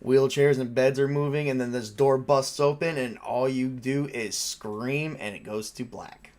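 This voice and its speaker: Here a man's mid-range, slightly mellow voice moves at a measured pace. He's leading a tabletop role-playing game, mixing loose, unscripted narration with chat and echoing his own phrases as he works things out aloud.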